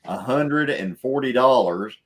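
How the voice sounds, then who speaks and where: A man's voice: mid-range voice, animated, a little slow. A man, hosting a casual chat in a folksy, rambling way and laughing often. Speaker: show host.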